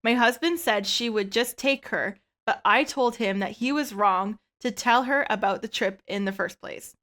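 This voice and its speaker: Relaxed woman reading and chatting, pitched a little high. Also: moderate pace. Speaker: podcast co-host. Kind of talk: casual chat and reading stories aloud.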